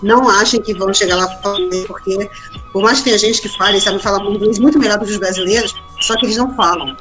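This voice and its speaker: A woman's voice: mid-range voice, quick pace, a bit bright, faint music behind. A woman from Brazil, a podcast guest, chatting casually and telling stories with lots of tag questions. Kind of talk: casual interview chat.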